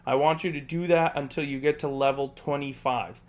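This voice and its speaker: On a gameplay livestream, a fairly quick-talking man with a higher-pitched voice and mostly even intonation guides a friend step by step. He patiently says instructions again and again, cracking jokes and laughing between them.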